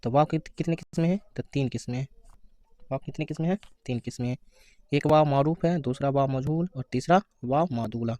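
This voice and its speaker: A man giving an exam-prep grammar lesson, asking questions and answering them himself, reading out the answer options slowly. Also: medium pitch, dark tone, dry recording. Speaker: teacher.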